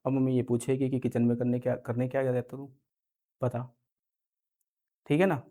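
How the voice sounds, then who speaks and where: A man's voice: medium pitch, level tone, normal speed, mellow. A man with an Indian English accent, explaining a spoken English lesson and acting out example lines, with frequent "theek hai" checks. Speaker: English teacher.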